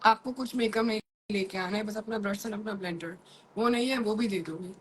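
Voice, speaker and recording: A middle-aged woman with an Indian accent, chatting live with her followers from a room at home, mixing Hindi and English with rushed asides. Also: mid-range voice, slight background noise, low-quality recording. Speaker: makeup artist and academy owner. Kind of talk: live-stream chat to followers.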